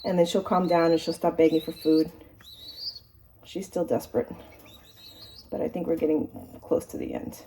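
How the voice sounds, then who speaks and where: Cooing, mellow-voiced woman feeding a bird. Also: deep voice, normal speed, vocal fry, long pauses, slight background noise, low-quality recording. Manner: coos baby talk to the bird, then chats to camera. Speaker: bird rescuer hand-feeding a baby dove. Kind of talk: casual home video chat. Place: home kitchen.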